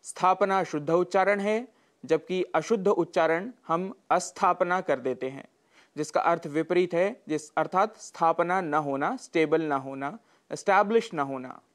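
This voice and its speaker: A Sanskrit teacher giving a scripted broadcast lesson, with careful, deliberate enunciation and a measured, instructive delivery. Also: medium pitch.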